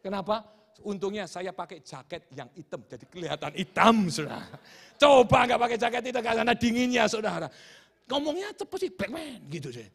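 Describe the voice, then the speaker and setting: A male pastor from Java, Indonesia, telling a humorous story in a sermon, swinging from shouted hallelujahs to hushed asides. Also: high-pitched, sing-song, brisk, vocal fry. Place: church sanctuary. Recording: long church-hall reverb.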